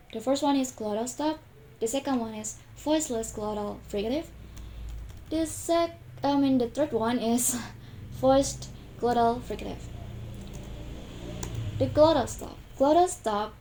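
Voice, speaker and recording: A woman's voice: a little high, mellow, a little hiss or hum, rough recording. A young woman student giving a class presentation, speaking carefully and repeating each example sound several times. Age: young adult.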